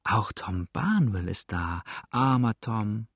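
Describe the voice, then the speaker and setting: A man voicing a sick, confused young woman who speaks softly and wonders aloud in a storybook reading. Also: fairly low pitch, lively intonation, slow pace, slightly rough, dry recording, studio quality, full character voice. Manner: soft, gently puzzled.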